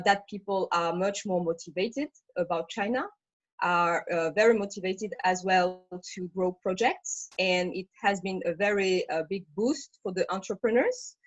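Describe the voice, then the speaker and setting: Over dull, dry video-call audio with no room sound, a mid-range female voice comes through. She is a managing director from Senegal, taking part in a webinar panel and talking off the cuff with fillers and pauses.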